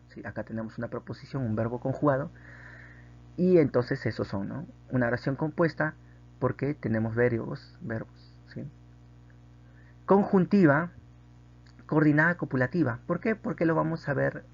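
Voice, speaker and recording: A man's voice: medium pitch, creaky. Patient male teacher, slightly muffled audio. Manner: patient, checks in with frequent tag questions. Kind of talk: recorded grammar lesson.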